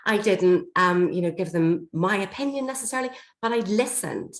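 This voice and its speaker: With a mid-range voice at normal speed, a woman presents an explanatory online workshop, steady but filler-heavy. A learning and development trainer, she sounds slightly hoarse from a chest infection, and the audio comes from a computer mic on a video call in an echoey room.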